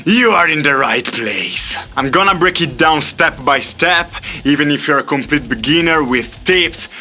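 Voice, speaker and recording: A man's voice: on the high side, lively intonation, measured pace, bright, forceful tone. A man presenting a scripted tutorial as an upbeat vocal coach, explaining things step by step. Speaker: extreme vocal coach and singer.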